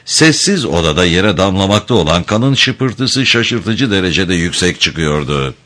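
A man narrating a dark adventure storybook in a measured, grave way. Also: low-pitched, very animated. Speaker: audiobook narrator.

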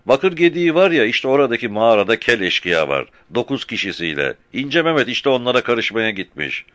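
A man's voice: mid-range voice, sing-song, fairly quick, a bit bright, pitched above the performer's own voice. A man voicing a frightened young shepherd boy, timid but eager to tell what he saw, in an audiobook.

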